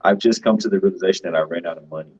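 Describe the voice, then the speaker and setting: A man with a deep, husky voice talks through money matters in a casual, emphatic way, often ending a point with "right?". The recording sounds dull and lo-fi. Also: very fast, darkish tone. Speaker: co-host of a finance show. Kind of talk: casual financial commentary.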